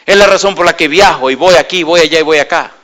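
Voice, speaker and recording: Bright-voiced Spanish-speaking preacher man. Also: fairly high pitch, fast. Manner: lively preacher, asks the audience yes-or-no questions, acts out dialogue. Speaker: pastor. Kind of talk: sermon with anecdotes.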